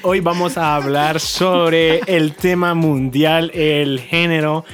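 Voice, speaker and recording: A man hosts a podcast in a loose, joking, energetic way from a studio. His voice sits a bit high, with faint music in the background. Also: slow. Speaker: podcast host. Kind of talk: casual chat.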